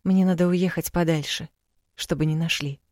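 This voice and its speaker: Woman doing young runaway wife, subdued, restrained, low-key. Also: steady tone, normal speed, darkish tone, dry recording, clean studio sound, close to an everyday voice. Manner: subdued, hesitant. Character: young pregnant wife fleeing, tearful, quiet.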